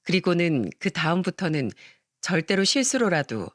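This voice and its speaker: A woman's voice: fairly low pitch, normal speed, no echo. Woman narrating a story in a dry, close voice. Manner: even, storytelling.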